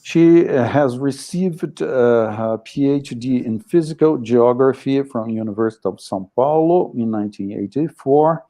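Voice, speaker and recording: A man chairing an academic event, speaking formal, hesitant non-native English in a polite, deliberate manner. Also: medium pitch, warm tone. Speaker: session chair introducing speakers.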